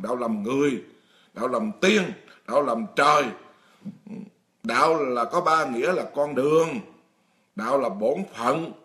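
A man's voice: mid-range voice, fairly bright tone. A middle-aged man, a monk giving a blunt, emphatic sermon straight to his congregation. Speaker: Buddhist monk preaching. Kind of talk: dharma talk sermon.

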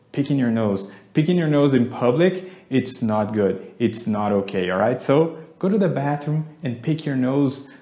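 A man's voice: mid-range voice, a little mellow. Playful man teaching, echoey room. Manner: playful, chatty, acts out each verb. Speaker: English teacher, co-host. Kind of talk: casual teaching with acted demonstrations.

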